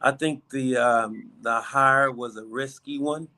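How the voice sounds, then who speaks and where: A man calling in to a sports show, giving his opinion casually and haltingly as he thinks aloud. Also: medium pitch, fairly even intonation, sharp tone. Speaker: first-time caller. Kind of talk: casual sports call-in chat.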